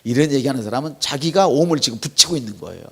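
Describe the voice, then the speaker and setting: A man's voice: medium pitch, rapid-fire, creaky, husky. A man preaching a sermon to his congregation, acting out quoted lines. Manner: animated preaching with acted quotes. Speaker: pastor.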